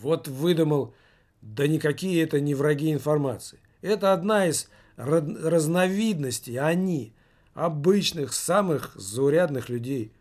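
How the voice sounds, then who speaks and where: A man's voice: fairly high pitch, lively intonation, a little slow, a little mellow. A man voicing a scornful male colleague who brushes off his friend's ideas. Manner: contemptuous, dismissive.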